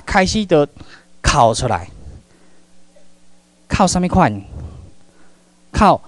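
A middle-aged Taiwanese man with a high voice gives a public lecture, telling stories animatedly as his volume swings between loud and hushed. There's no echo.

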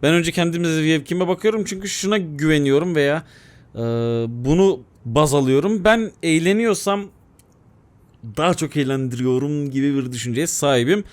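A young man giving excitable let's-play commentary, muttering to himself and bursting into shouts. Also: fairly high pitch, normal speed. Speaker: gaming YouTuber.

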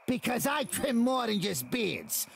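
An actor playing a menacing male mobster barber with a gravelly voice, speaking in threats in a video game. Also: very high voice, sing-song, unhurried, slight background noise, full character voice. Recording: game music behind.

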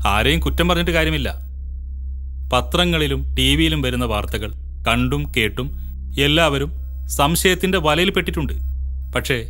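An actor playing an earnest elder brother who gives his sister a long, measured lecture in a home movie. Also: on the high side, fairly bright tone.

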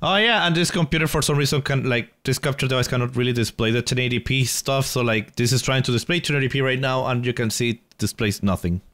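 A man chatting live on a stream while grumbling about broken screen settings. He swears freely and keeps sighing in exasperation, with a voice of middling pitch. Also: fast talker, few pauses, fairly bright tone. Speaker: game streamer. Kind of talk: casual live-stream chat.

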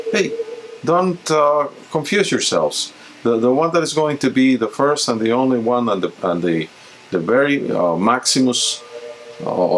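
A man in his fifties, a deacon, reading the gospel and giving an earnest, measured homily from a small home chapel, with occasional halting restarts. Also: mid-range voice, a little hiss or hum, rough recording.

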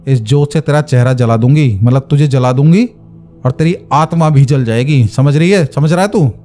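A man's voice: medium pitch, moderate pace, warm tone, soft background music, natural voice. A man voicing a stern middle-aged female priestess who commands and scolds a spirit. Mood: scolding.

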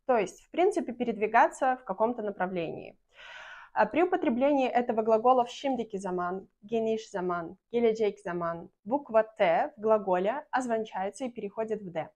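A young woman from Belarus teaching a language lesson to camera in a small room, speaking clearly and patiently and slowing down to model example sentences. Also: a little high, a little mellow.

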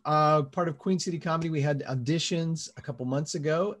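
A man hosting a live online comedy show, speaking in a relaxed way with many fillers, over a video call. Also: medium pitch. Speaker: host.

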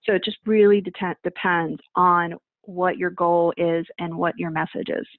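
This woman in her forties, a guest on a video call interview, explains event planning conversationally with emphatic examples and rhetorical questions. Her fairly low voice holds a steady tone at normal speed. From a home office, the audio is dry and tinny like a phone, with no room sound.

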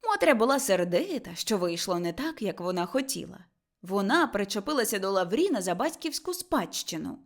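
A woman reading an audiobook in an expressive storytelling manner. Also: medium pitch, moderate pace. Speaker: audiobook reader. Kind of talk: scripted narration.

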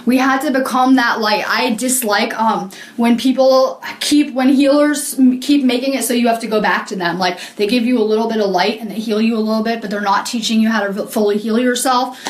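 A woman's voice: a little high, echoey room. A woman healer talking casually to viewers on a live video, earnest and rambling with many ums and frequent laughs.

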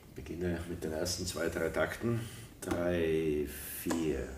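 An older man from Tyrol giving a calm step-by-step ukulele lesson, counting in and explaining slowly. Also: a bass voice, over loud music. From Tyrol, Austria. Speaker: ukulele teacher. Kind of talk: relaxed step-by-step music lesson. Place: wood-paneled room indoors. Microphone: camera mic at a distance. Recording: echoey room, voice from far off. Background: ukulele playing.

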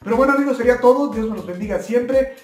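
Hosting a product-test vlog, a young man chats casually in a folksy manner, filming both in a plain indoor room and outside at night. He talks fast in a very high voice, with faint music behind him.

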